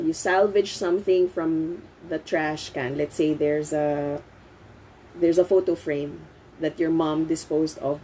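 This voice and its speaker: A woman with a Filipino accent teaches English in a live online session, her voice sitting fairly low. She talks in a lively way, slips into Tagalog and laughs often. A faint hiss runs under the recording. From Philippines.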